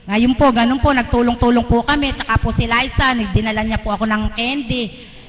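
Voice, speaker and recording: A woman's voice: a little high, fairly even intonation, brisk. A middle-aged woman giving a live spoken testimony before a church gathering, earnest and deferential as she retells events step by step. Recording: dull lo-fi livestream audio in a reverberant hall, faint noise.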